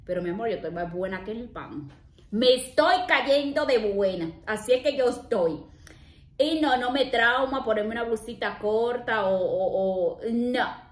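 A woman's voice: on the high side, expressive, measured pace, echoey room. Chatty woman in her thirties. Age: 30s. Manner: chatty, addresses viewers as loves. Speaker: vlogger. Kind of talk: casual vlog chat.

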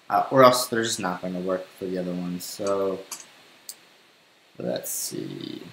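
In a fairly low, sharp-toned voice, a young man teaches coding through a casual screencast, muttering his thoughts as he types. The recording comes from a roomy home setting with faint hiss.

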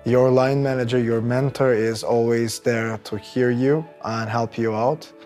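Recorded on a lapel mic in a bright office by big windows, with background music, this is an employee interview with a technical project manager. He is a man in his thirties from Turkey who talks casually in a Turkish accent. His mid-range voice stays steady, unhurried and slightly mellow.

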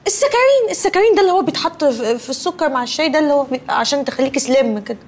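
In an Egyptian comedy film, an actress plays a cheeky, chatty young cousin who wheedles and needles her cousin in Egyptian Arabic. Her high voice is animated and rapid-fire, with a wheedling mood.

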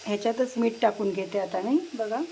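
Woman, cooking demo, fairly high voice, loud kitchen noise. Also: steady tone, fairly quick. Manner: talks to her parrot between steps. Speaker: home cook. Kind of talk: cooking demonstration. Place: home kitchen. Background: sizzling pan and clattering pots.

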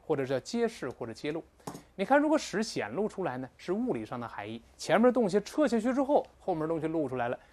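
A man with a fairly high-pitched voice teaches English vocabulary in a lecture. He speaks with animated interjections and leads slow, drawn-out pronunciation drills.

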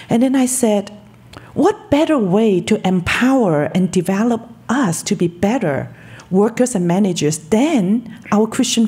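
Warm, mid-range, and slightly rough, the voice belongs to a Hong Kong telecom marketing director in her fifties. She is a guest in a podcast studio interview, speaking earnestly and keenly into a studio mic on a boom arm.

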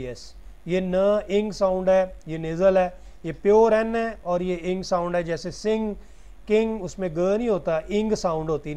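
A man's voice: high-pitched, warm tone, clear, resonant tone. A man giving a recorded lecture, explaining each point step by step and answering his own questions.

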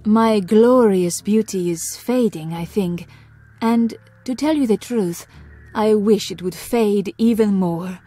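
A poised glamorous spy. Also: female voice, medium pitch, slow pace, dark tone, slightly rough, soft background music. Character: glamorous female spy, bold and determined. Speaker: game heroine. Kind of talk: adventure game voice acting.

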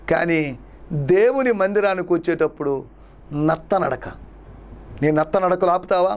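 A man preaching as a pastor, his voice pitched high with a rough, gravelly edge. He builds his points through repetition and rhetorical questions put to the congregation. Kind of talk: Telugu sermon.

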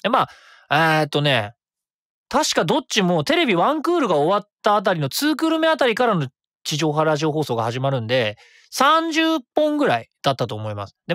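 Running his own web radio show alone, this thirty-something man talks in a rambling, casual way, fixing his words as he goes, quick and lively. His voice is a little high, captured in clean studio sound with no room sound.

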